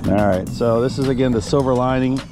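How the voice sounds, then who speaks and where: Talking fairly quickly in a mid-range voice, a man hosts a fishing show from a small boat on an open, windy lake, keeping it casual and folksy for viewers. An action camera on his body does the recording.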